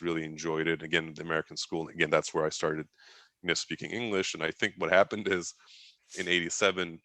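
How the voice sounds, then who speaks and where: This interview guest is a Turkish man in his forties, Turkish being his mother tongue, who tells his life story loosely and keeps starting over. His rumbling low voice sounds pushed and bright, with no room sound at all.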